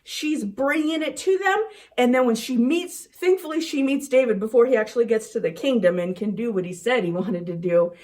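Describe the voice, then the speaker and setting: Animated woman telling kids a Bible story. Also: fairly high pitch, moderate pace. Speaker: children's ministry teacher.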